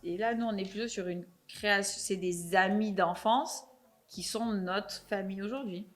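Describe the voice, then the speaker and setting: A young adult woman from France, hosting a podcast in relaxed, talkative conversation with a guest. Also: medium pitch, normal speed. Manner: chatty, self-described chatterbox. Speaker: podcast host. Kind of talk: casual chat.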